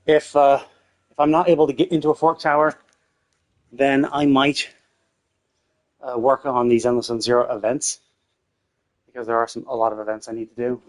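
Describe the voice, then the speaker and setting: This male game livestreamer rambles through casual commentary, frequently rephrasing what he's just said. He has a mid-range, level voice, a moderate pace, and pauses often.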